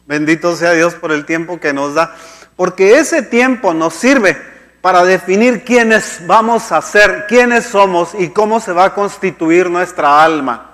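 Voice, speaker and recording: A man's voice: high-pitched, expressive, a little slow, a bit bright. A male pastor preaching a sermon in a conversational way. He often restarts his sentences and checks in with the congregation. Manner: conversational, many restarts and "¿sí?" checks, acts out quoted complaints. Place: church hall. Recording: church hall reverb.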